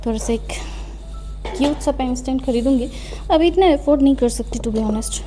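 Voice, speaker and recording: In her study room at home, a young woman student vlogger tidies her desk and chats casually over soft background music. Her high-pitched, dark-toned voice moves at normal speed, a little out of breath, chatty and self-mocking with English phrases mixed in.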